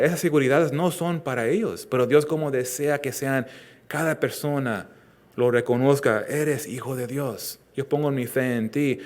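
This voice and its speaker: A man preaching a sermon as pastor, earnest, rising loud for emphasis and dropping soft and slow on tender lines. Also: mid-range voice. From Southern California. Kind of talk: expository sermon.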